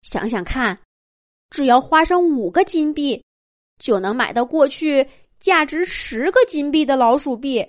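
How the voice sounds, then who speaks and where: A woman's voice: sits high, lively intonation, unhurried, no room sound, clean studio sound, pitched above the performer's own voice. A woman voicing a father mouse who talks himself into a risky plan in a children's story. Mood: eager. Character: anxious, scheming father mouse.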